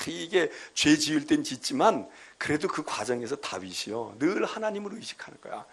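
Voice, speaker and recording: A middle-aged male pastor giving a midweek Bible lecture, telling the story in a lively way and acting out the quoted prayers. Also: on the high side, gravelly, husky. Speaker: senior pastor.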